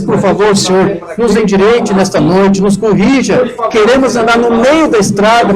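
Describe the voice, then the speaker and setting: Fervent high-voiced Brazilian preacher. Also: male voice, rough recording. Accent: Brazilian Portuguese. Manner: fervent, calls for amens from the congregation. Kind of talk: sermon with closing prayer. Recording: soft music under the voice.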